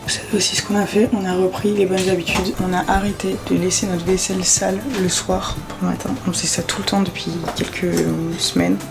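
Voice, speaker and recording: A woman's voice: lowish voice, little pitch movement, fairly quick, few pauses, over loud music. A young adult woman chatting in a casual, rambling way as a vlogger. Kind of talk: casual vlog chat.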